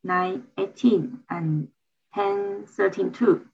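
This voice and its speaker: Slow hesitant woman reading a dialogue. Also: medium pitch, steady tone, vocal fry, dull audio, slight background noise. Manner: hesitant, stumbles over numbers. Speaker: practice partner.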